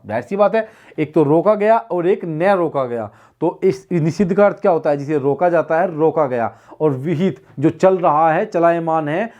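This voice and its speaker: A man's voice: fairly high pitch, darkish tone. A man teaching an online exam-prep Hindi class, who keeps asking questions and repeating the answers so students can follow.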